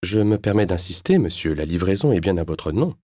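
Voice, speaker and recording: A man's voice: low-pitched, very animated, fairly quick, dark tone, no room sound, clean studio sound. A man reading an audiobook, voicing a slight young bellboy who is formally polite. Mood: deferential.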